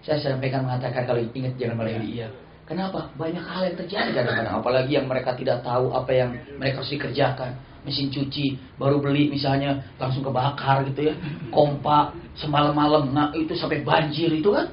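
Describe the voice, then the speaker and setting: A male Islamic preacher, giving a lively sermon full of stories and acted-out dialogue. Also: medium pitch, fast talker. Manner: animated, acts out dialogue, laughs often. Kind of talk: sermon with storytelling. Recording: roomy, slightly dull recording.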